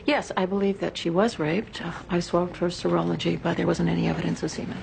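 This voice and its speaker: A woman's voice: on the low side, flat delivery, fast talker, gravelly, noisy background. An actress playing a pathologist who gives her findings in a clinical, matter-of-fact way. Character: composed woman pathologist, precise and clinical. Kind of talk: TV crime drama acting.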